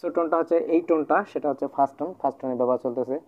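A man teaching Mandarin words, drilling the same words over and over in a repetitive classroom manner. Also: very fast. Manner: repetitive drilling of words, frequent filler 'thik ache'. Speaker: language teacher. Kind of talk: explaining Mandarin words in Bengali. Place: at a whiteboard, indoors. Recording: phone-like low-quality audio.

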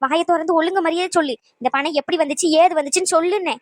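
A woman voicing an exasperated middle-aged mother in a cartoon, who scolds loudly and wails. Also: extremely high pitch, fast talker, dry recording. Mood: scolding, wailing. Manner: loud, scolding, wailing. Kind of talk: cartoon voice acting.

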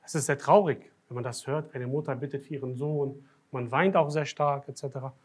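A man giving a religious night lecture as a sheikh, swinging from quiet, low remarks to loud, emphatic declarations. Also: steady tone, a little fast, breathy edge. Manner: grows loud and emphatic when making a point, drops low and soft at times. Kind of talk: Muharram night sermon. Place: lecture hall of a foundation.

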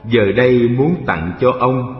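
A man storyteller voicing a calm, wise Buddha, teaching in a measured fireside storytelling manner. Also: mid-range voice, lightly acted. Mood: kindly. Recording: echoey hall reverb, dull sound, music behind.

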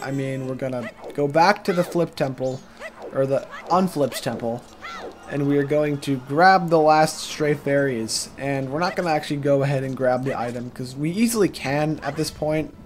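Male walkthrough narrator, casual and wisecracking, mid-pitched voice, game music playing loud underneath. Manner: joking, self-deprecating, rambling asides. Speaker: gaming walkthrough commentator. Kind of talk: casual let's-play commentary.

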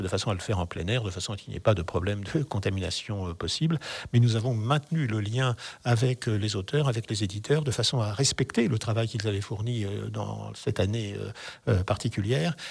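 Husky older man speaking slowly. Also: fairly low pitch, a little mellow. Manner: measured, hesitant with many fillers. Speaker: festival association president. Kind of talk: radio interview. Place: radio studio. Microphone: studio mic on boom arm.

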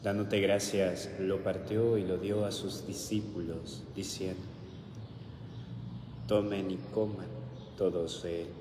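The speaker is a deep-voiced Argentine priest whose level tone carries through the echo of a small indoor chapel with an altar. Speaking Argentine-accented Spanish, he celebrates Mass and gives a homily, measured and solemn in his prayers, while background hiss sits under the roomy echo.

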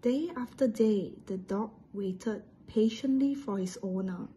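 A woman's voice: mid-range voice, measured pace, dark tone, slight background noise, poor audio. A woman from Singapore with a Singaporean accent, patiently explaining English phrases and pronunciation step by step as a teacher.

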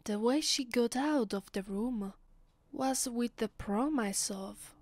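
In a breathy, slow ASMR monologue, an Italian voice actress with a fairly high-pitched voice and an Italian accent portrays a haughty female vampire mistress commanding her mortal slave. She speaks softly, often in a whisper, with imperious deliberation and lingering pauses. Her mood comes across as suspicious and disdainful.

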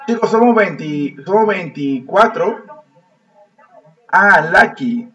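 Male English teacher, patient and repetitive, slightly high voice, muffled distant sound. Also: lively intonation, slow pace, bright, forceful tone. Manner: repetitive, coaxing, laughs often. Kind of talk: online class teaching, mixing Spanish and English. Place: online video class.

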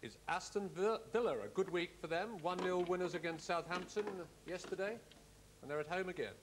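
A middle-aged man announces a cup draw formally and courteously. His voice sits a little high and his delivery is measured. There is light background noise with the odd click. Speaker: host of a televised cup draw. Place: studio-style hall set with audience.

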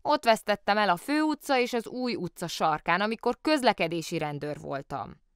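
A woman's voice: mid-range voice, expressive, smooth, no echo, studio quality, voice pushed up, natural voice. A woman voicing a cheeky storybook bear. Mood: cheerfully innocent. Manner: easygoing, innocent excuses. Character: cheeky good-natured male bear posing as policeman. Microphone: studio microphone.

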